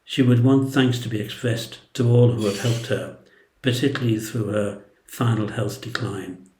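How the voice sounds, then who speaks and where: Older English man, dark-voiced, tender eulogy. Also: on the low side, steady tone, slight background noise. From England. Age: older, 60s or above. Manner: tender, solemn, measured delivery. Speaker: brother giving a eulogy. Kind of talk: prepared eulogy, read aloud. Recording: echoey room.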